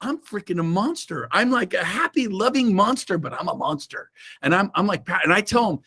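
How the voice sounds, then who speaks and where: A middle-aged man giving a fired-up motivational talk to his real estate team over a video call. He is emphatic and swings from shouts to low asides. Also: expressive, fairly quick, husky. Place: indoors, own room on a Zoom call.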